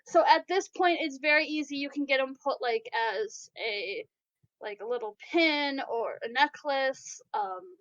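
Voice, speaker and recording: High-voiced woman GM over voice chat. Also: animated, unhurried, a bit bright, no echo, dull audio. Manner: explains rules with frequent restarts and fillers. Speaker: game master. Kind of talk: running a tabletop game over voice chat.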